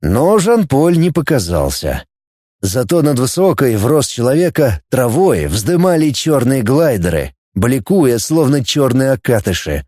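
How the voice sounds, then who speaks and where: A man narrating an audiobook in an expressive, animated reading. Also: mid-range voice, a little slow, no room sound, clean studio sound. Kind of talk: scripted narration.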